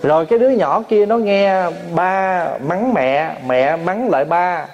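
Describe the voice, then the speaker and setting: A man delivers a Buddhist dharma talk, his voice sitting a little higher than most men's. He weaves homely stories into the teaching and slips into the voices of quarreling family members, laughing as he goes. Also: lively intonation, measured pace, darkish tone, muffled recording, slight background noise. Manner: storytelling, acts out family quarrels, laughs often. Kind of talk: sermon.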